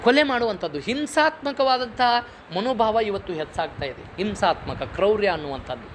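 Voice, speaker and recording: A middle-aged man speaks with a North Karnataka Kannada accent and a noticeably high pitch. He delivers a moral lecture in a lively, folksy way, firing off rhetorical questions and telling stories from home. A faint hiss of noise sits under his voice. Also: moderate pace. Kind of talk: public moral lecture with storytelling.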